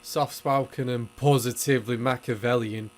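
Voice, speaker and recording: A man's voice: medium pitch, steady tone, moderate pace, close to an everyday voice. Man acting a theatrical, wordy, wry cartoon undertaker. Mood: wry storytelling. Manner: wordy, theatrical, sardonic delivery. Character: wry, grandiloquent male undertaker and bootlegging accomplice. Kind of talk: animated fan dub acting.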